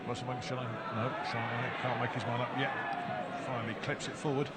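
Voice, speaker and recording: Over the roar of a stadium crowd, a man with a medium-pitched voice delivers play-by-play football commentary at a fairly quick clip. As the action shifts, he often corrects himself, staying excitable throughout.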